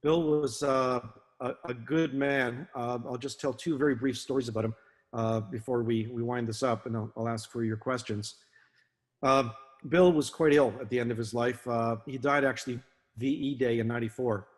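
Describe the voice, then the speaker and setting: A man giving a talk as a guest speaker, telling stories in a halting way with many fillers and restarts. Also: medium pitch, fairly even intonation. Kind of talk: talk to a naval association, storytelling. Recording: long reverb.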